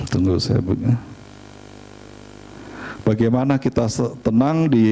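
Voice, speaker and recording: A middle-aged man, preaching a sermon and telling family stories in an animated, humorous way. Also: medium pitch, a little hiss or hum. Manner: animated storytelling, chatty and humorous. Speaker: pastor.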